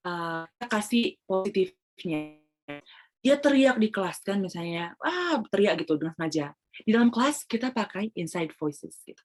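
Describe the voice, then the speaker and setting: A woman's voice: on the low side, darkish tone. Montessori trainer lady on a video call, explaining stuff, throws in english words. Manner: explanatory, with English phrases mixed in; acts out examples of what she tells children. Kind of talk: online webinar Q&A talk.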